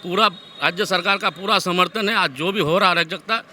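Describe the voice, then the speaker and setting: High, sharp-voiced man arguing his point. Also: fairly quick, slight background noise. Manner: argumentative, explains his point at length. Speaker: interviewee. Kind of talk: street interview answers.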